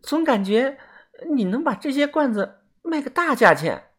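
A man's voice: very high voice, very animated, normal speed, a bit bright, husky, voice pushed up, full character voice. A man voicing a naive young woman who pleads and coaxes in a storybook reading. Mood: suspicious. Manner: pleading, coaxing.

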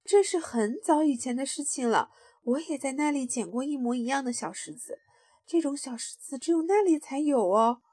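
A woman voicing a wise old male striped fish in a children's storybook, talking slowly. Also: sits high, animated, dark tone, dry recording. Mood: knowing. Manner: slow, deliberate.

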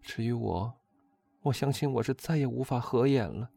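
A man reading a storybook, voicing a frightened noble countess who pleads in a high, strained voice. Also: normal speed, gravelly, mellow, slightly rough, dry recording, studio quality. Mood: pleading.

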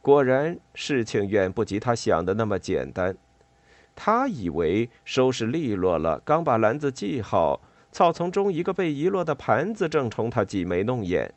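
Expressive male storyteller, dry studio sound. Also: on the low side, a little slow, dry recording. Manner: expressive, animated delivery. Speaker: narrator. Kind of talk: audiobook storytelling.

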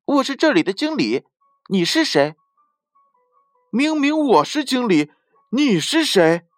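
Man doing a shrill little storybook rabbit. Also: very animated, slow, no room sound, clean studio sound, soft background music, heavily acted. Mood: indignant. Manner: high-pitched, urgent and loud.

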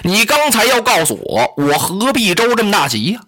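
A man doing a booming hot-headed general. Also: sing-song, moderate pace, heavily acted. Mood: gruff impatient. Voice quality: booming loud voice. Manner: blunt, impatient, shouting gruffly. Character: hot-tempered loud burly general, male adult. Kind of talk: Chinese oral storytelling.

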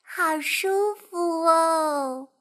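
Tiny clingy duckling in a storybook, very high and loud, calls out; a woman plays it. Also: extremely slow, heavily acted. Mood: sweet. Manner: loud, calling out.

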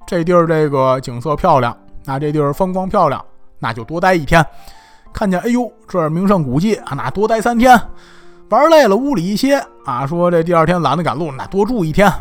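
A male storyteller retelling a historical tale in a chatty comic manner, often checking with the listener. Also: high-pitched. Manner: animated, chatty, asks the listener along.

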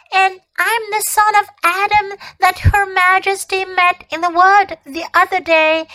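A woman's voice: very high-pitched, pushed and bright, voice pushed up, heavily acted, low-quality recording. A woman voicing a frightened young boy who pleads eagerly and trembles as he speaks.

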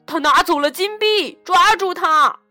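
A woman voicing a greedy, bullying male bandit chief and his bandits in a storybook reading, with loud, gruff shouting. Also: mid-range voice, animated, measured pace, dry recording, soft background music. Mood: gruff bossy.

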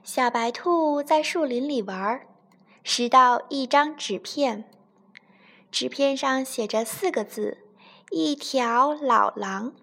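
A woman telling a children's bedtime story in a gentle, expressive way. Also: high-pitched, slow.

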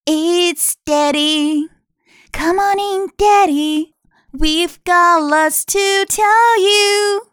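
A woman voicing three small cheeky pigs who answer in a high, drawn-out, sing-song voice. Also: a bit bright, no echo, clean studio sound, full character voice. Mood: delighted.

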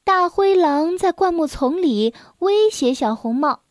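A woman narrates a children's storybook, clear and expressive. Her voice sits high. The recording is close and dry. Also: measured pace, no echo.

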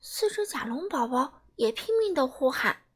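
A woman reads a children's picture book aloud with a high, bright voice that swoops up and down. She narrates warmly and throws herself into every animal voice. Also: moderate pace, breathy edge. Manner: animated, acts out each animal. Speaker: storyteller.

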